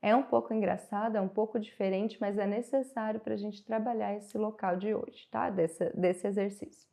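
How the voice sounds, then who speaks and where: A woman giving a singing lesson, calmly explaining and guiding vocal exercises. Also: mid-range voice, normal speed, vocal fry. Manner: calm, guiding, explains then demonstrates. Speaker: singing teacher.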